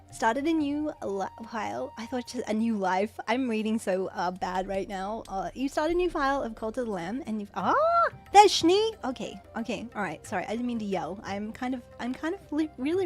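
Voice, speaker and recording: A woman hosting a casual livestream, excitedly thanking viewers and stumbling over her words. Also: fairly high pitch. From Australia. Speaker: livestream host.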